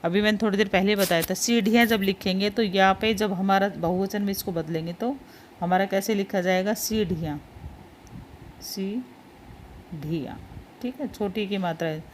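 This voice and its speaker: A woman's voice: medium pitch, fairly quick, a little hiss or hum. A woman teaching a Hindi spelling lesson. She says each word, repeats it, and patiently points out which ones are important.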